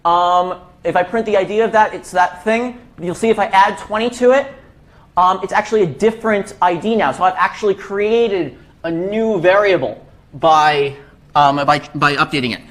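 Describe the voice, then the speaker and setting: A man's voice: high-pitched, moderate pace. A young man giving a casual classroom coding lesson, full of fillers and restarts. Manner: casual, many fillers and self-corrections. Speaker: workshop instructor. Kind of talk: live coding lecture.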